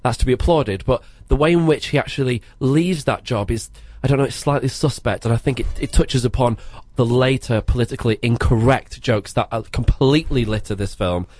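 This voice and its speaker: Man, casual film chat, medium pitch, dry close sound. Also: darkish tone, dry recording. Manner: chatty, rambling, quick to laugh. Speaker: podcast co-host.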